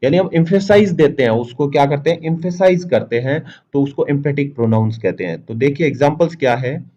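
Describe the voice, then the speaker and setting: A man teaching a grammar lesson, asking the class questions and answering them himself, and reading out example sentences slowly and with emphasis. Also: on the high side, lively intonation, warm tone, highs cut off, a little hiss or hum.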